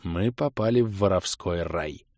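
Close to the mic, a man narrates a fantasy audiobook in a tense, dramatic way, dropping to a hush in moments of suspense. His voice sits low and moves a little slowly, with no echo.

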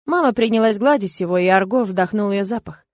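A woman narrating an audiobook in an even storytelling manner. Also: mid-range voice, fairly quick, dry recording, studio quality. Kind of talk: scripted narration.

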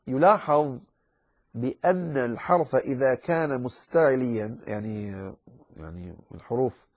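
A man teaching a lesson on Quran recitation rules. He explains calmly, then stretches out words slowly to demonstrate. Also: mid-range voice, dull audio. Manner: calm explanation, then slow drawn-out demonstrations. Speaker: tajweed teacher.

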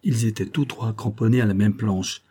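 A man reading a classic novel aloud as scripted narration in a steady, dramatic manner. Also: fairly low pitch, normal speed, husky. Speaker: audiobook reader.

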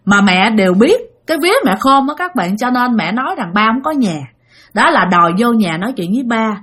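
Husky Southern Vietnamese woman telling ghost stories. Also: a little high, very animated, a little fast, fairly bright tone. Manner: chatty, addresses listeners directly. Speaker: storyteller. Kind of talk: casual spoken ghost story.

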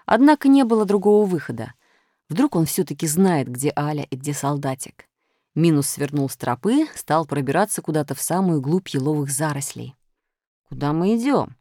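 A woman reading a children's story aloud in an expressive way. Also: deep voice, normal speed, no echo, clean studio sound.

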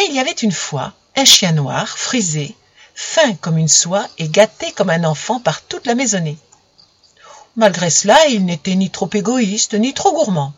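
A woman narrating a children's storybook gently, speaking directly to her young listeners, on a dull lo-fi recording. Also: medium pitch, breathy edge, dry recording. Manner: gentle, intimate address to children.

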